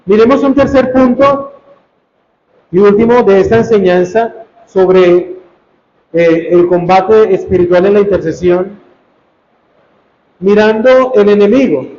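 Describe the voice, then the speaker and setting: A man with a high yet dark, mellow voice preaches a sermon as a priest, speaking slowly and emphatically and repeating his key phrases. The recording is dull and echoey, as if made in a church or hall, with faint ambient noise behind him. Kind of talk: sermon teaching.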